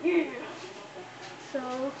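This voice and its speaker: High-voiced girl talking slow through a fursuit head, muffled, lots of ums and restarts, tv crowd noise behind. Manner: halting, with many restarts and fillers. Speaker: vlogger showing a homemade fursuit. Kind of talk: casual show-and-tell vlog. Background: televised baseball game crowd noise.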